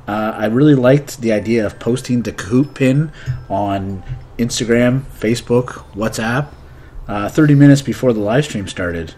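In this English lesson, a thirty-something male teacher and video host performs conversational skit lines and explains idioms. He speaks in a mid-range voice with a slightly mellow quality.

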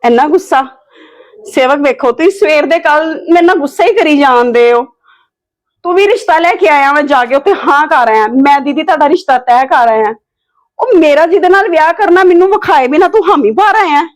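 A woman's voice: high-pitched, expressive, fairly quick, echoey room. A woman acting as a stubborn unmarried sister-in-law who feels wronged by her family, speaking defensively and pleading her case in a family drama. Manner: defensive, pleading and self-pitying.

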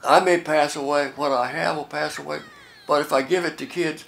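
A very old American man in his late eighties, talking reflectively in an interview, halting and repeating words as he goes. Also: on the high side, fairly even intonation, gravelly, fairly bright tone, a little hiss or hum. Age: late 80s. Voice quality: very old man's voice. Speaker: volunteer youth tennis coach.

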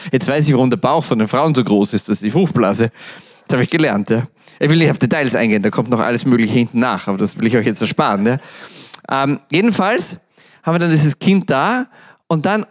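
Animated Austrian man telling a story. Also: on the high side. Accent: Austrian German. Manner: lively, acts out voices and panic, laughs often. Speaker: church speaker. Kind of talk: storytelling sermon.

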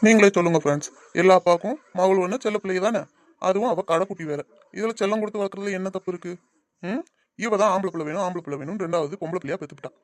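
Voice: medium pitch, rapid-fire, no room sound, natural voice. A performer voicing an easygoing cartoon village dad. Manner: calm, coaxing, pleading to viewers. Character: easygoing village father, soft on his daughter. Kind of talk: cartoon voice acting.

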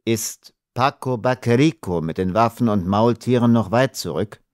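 A male narrator voicing a calm, dignified Native chief who speaks coolly and politely in an audiobook. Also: on the low side, dry recording, clean studio sound, lightly acted. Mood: polite probing. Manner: cool, measured, polite.

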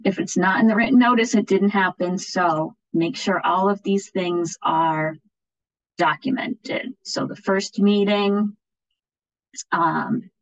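Heard through a dry, lo-fi recording, a woman with a fairly low voice gives education officials informal training via an online video-call webinar. Using slides, she explains things plainly and regularly checks in with listeners.

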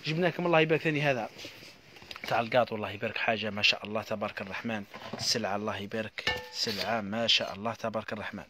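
A man with an Algerian accent giving a live sales pitch in a shop, repeating prices and stock blessing phrases as he hawks his goods. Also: pushed and bright, slight background noise. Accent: Algerian Arabic. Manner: rapid, repetitive hawking with stock blessing phrases. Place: inside a household goods shop.

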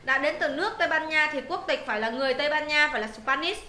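A woman English teacher with a high voice talks fast in a reverberant room. She walks students through exam answers, repeating words and checking that they follow along.

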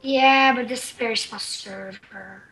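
High, bright, excitable girl far from the mic. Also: normal speed. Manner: excitable, stammering, repeats words. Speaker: gamer uploading a multiplayer session. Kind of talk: casual gameplay chat.

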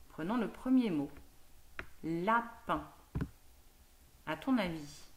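A woman teacher giving a slow, patient phonics lesson to a young child, sounding out each word and syllable clearly. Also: sits low, a little hiss or hum.

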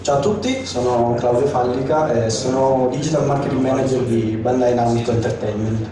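A man's voice: medium pitch, moderate pace, noisy background. Businesslike man in an echoey hall. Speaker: digital marketing manager. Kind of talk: self-introduction. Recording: echoey hall, mic far off.

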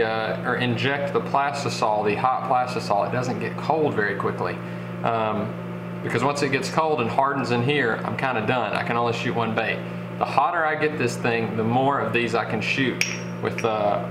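Young guy chatting thru a diy job in his garage, roomy echo, noisy background. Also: medium pitch. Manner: relaxed, chatty, thinking aloud with fillers. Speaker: fishing channel host. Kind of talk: casual how-to vlog. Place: home garage workshop. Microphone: camera mic. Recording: echoey garage with background noise.

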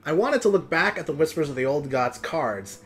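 Animated man streaming a card game. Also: a little high, normal speed. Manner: animated, slangy, exclaiming and muttering. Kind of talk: live game commentary, casual chat to viewers. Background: game music.

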